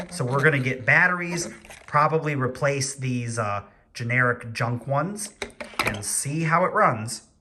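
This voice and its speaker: Indoors at home, a man with a medium-pitched voice gives a casual, hands-on toy review against a noisy background. He chats and rambles, thinking out loud as he works with his hands.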